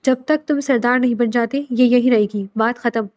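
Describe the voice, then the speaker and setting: A woman's voice: a little high, fairly even intonation, darkish tone, lightly acted. A woman reading the lines of a stern, commanding older patriarch in a storybook drama.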